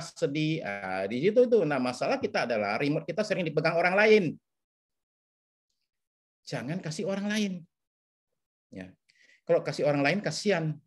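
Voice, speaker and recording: Male counseling teacher, webinar lecture on a video call, lively pitch, keeps checking in with listeners. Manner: teacherly, checks in with repeated oke and ya.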